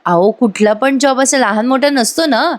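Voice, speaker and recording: Playful young husband voiced by a woman, upbeat, persuasive, highish. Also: moderate pace, natural voice.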